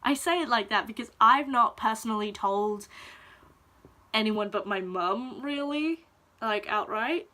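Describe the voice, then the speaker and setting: A young woman from Denmark, talking in a personal vlog, hesitant and reflective, pausing often to search for words. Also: a little high, sharp tone. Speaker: vlogger. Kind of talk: personal confessional vlog talk.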